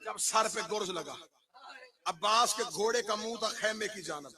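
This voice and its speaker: A man delivering a chanted mourning sermon at a religious gathering, with a passionate, half-sung lament that rises into shouting. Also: high-pitched, a crowd in the background.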